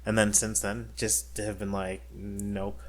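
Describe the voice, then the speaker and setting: A man's voice: lowish voice, flat delivery, moderate pace. A man co-hosting a podcast in casual chat, rambling with many fillers and restarts. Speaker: podcast co-host.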